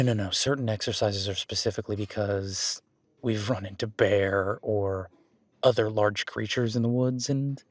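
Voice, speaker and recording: A man with a natural, fairly low voice, recorded dry, voices a laid-back werewolf boyfriend giving workout guidance to his date at the gym. It's a rambling, encouraging roleplay audio, one side of a casual conversation.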